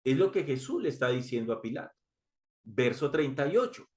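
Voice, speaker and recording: A man's voice: mid-range voice, sing-song, brisk, a little mellow. A man preaching a sermon, reading scripture aloud and repeating key lines for emphasis, calling his listeners brothers.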